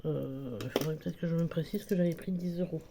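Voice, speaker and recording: Speaking briskly in a low, gravelly voice, a budgeting vlogger with a cold and a French accent fills budget envelopes amid background noise. Her casual, hesitant talk is packed with fillers and self-corrections.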